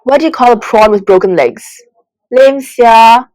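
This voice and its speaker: Woman, Singlish phrasing, scripted comedy host, upbeat presenter delivery, mid-pitched voice. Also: lively intonation, fast, darkish tone, rough recording.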